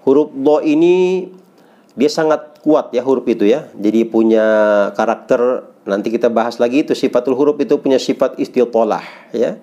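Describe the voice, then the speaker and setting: A middle-aged man with an Indonesian accent teaches beginners how to pronounce Arabic letters. His voice is warm and mellow, sitting at an ordinary pitch. He speaks patiently and repeats each syllable slowly so learners can follow. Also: highs cut off. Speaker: Quran recitation teacher.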